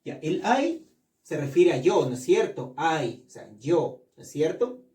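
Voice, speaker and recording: High mellow guy teaching a class real slow, repeats stuff, kinda far off the mic. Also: sing-song, reverberant. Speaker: English teacher. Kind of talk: classroom lesson.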